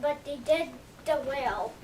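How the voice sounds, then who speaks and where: A young woman chatting casually in a movie review, excitable and emphatic, leaning hard on "literally". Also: sits high, measured pace, distant mic, a little hiss or hum.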